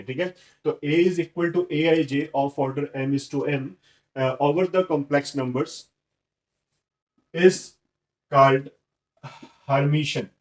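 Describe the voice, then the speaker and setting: Male math teacher, slow deliberate delivery, asks and answers own questions. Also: fairly high pitch, darkish tone, poor audio. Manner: explains step by step, asking and answering his own questions; switches to slow, deliberate dictation when reading out matrix entries. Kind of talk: blackboard lecture.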